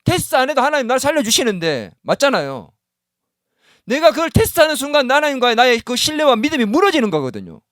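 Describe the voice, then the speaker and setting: A man's voice: very high voice, wildly swooping pitch, fast talker, a bit bright, no echo, studio quality. A male pastor preaching a sermon in a church, often asking the congregation questions and acting out the words of doubting believers. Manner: voices doubting believers in first person. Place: church sanctuary.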